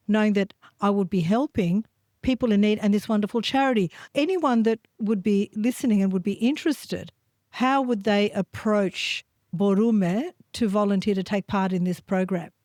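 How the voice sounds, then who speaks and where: A woman's voice: medium pitch, darkish tone, no echo, studio quality. A woman hosting a podcast interview, telling stories in a heartfelt, emotional way. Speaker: podcast host. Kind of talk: casual interview chat.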